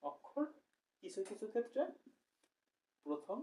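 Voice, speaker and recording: A man's voice: sits high, very animated, measured pace, gravelly, mellow, far from the mic, low-quality recording. A young man teaching a recorded chemistry lecture, explaining step by step and asking the class questions, correcting himself as he goes.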